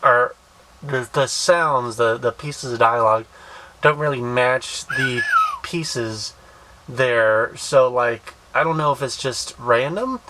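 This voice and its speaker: A man casually reviewing a toy, thinking aloud with halting restarts. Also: mid-range voice, expressive, sharp tone, slight background noise, rough recording. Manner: hesitant, many fillers and restarts, thinking aloud.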